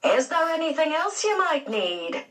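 A woman's voice: high-pitched, big pitch swings, a little slow, a bit bright, distant mic, voice pushed up, exaggerated voice. A woman voicing a cheerful Irish ship steward in a children's storybook reading, with a sing-song lilt and polite, attentive manner. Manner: polite, attentive service talk.

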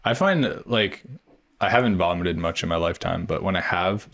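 Very deep-voiced relaxed man. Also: moderate pace, creaky. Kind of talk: casual conversation.

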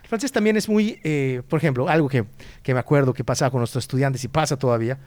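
A man's voice: mid-range voice, fast. A man with a Mexican accent, a podcast guest chatting casually and animatedly, often acting out what others say, with frequent restarts. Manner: animated storyteller who acts out quoted voices, frequent restarts. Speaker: guest, student exchange organizer. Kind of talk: casual conversation.

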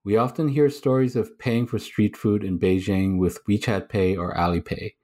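Low-voiced male podcast host. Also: steady tone, mellow. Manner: measured reading, halting when asking questions. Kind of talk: read intro then interview questions.

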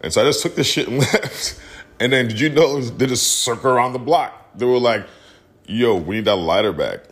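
A man's voice: medium pitch, normal speed, breathy edge. A man hosting a podcast, casually telling a story in a laid-back way and laughing as he goes. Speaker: podcast host.

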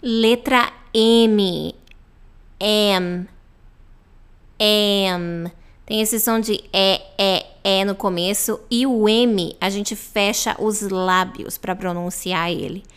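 A woman's voice: medium pitch, clear, resonant tone. A young adult Brazilian woman with a Brazilian Portuguese accent, teaching pronunciation on a podcast and repeating each letter patiently. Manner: drawn-out model letters, patient repetition. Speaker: English teacher. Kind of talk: slow podcast pronunciation lesson.

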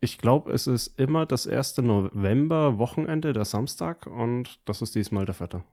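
A man's voice: mid-range voice, expressive, moderate pace, a little mellow. A man co-hosting a podcast, telling stories in casual, slangy German. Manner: colloquial, slangy. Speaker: podcast co-host. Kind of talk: casual chat, telling about his week.

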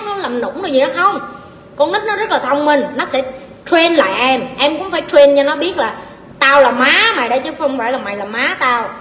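A woman with a Southern Vietnamese accent answering audience questions in a live Q&A, blunt, forceful and scolding. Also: high voice, a little hiss or hum. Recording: echoey hall, faint ambience.

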